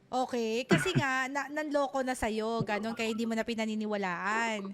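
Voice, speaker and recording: High-voiced woman hosting an advice call. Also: steady tone, moderate pace. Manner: brief prompting questions and murmured acknowledgments. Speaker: advice show host. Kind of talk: phone-in advice talk.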